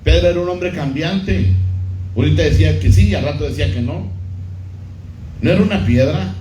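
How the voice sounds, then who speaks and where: A man's voice: a little high, a little fast, dark tone, faint music behind. Preaching man in an echoey church. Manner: preaching, repeats key phrases, quizzes the congregation. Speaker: pastor. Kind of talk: sermon. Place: church hall. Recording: muffled echoey church recording.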